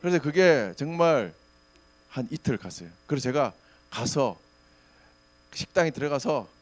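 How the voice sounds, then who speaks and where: A middle-aged man preaching a sermon as pastor, telling stories with animated, acted-out quotes. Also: medium pitch, measured pace. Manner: animated storytelling, acting out shouted quotes. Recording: faint mains hum.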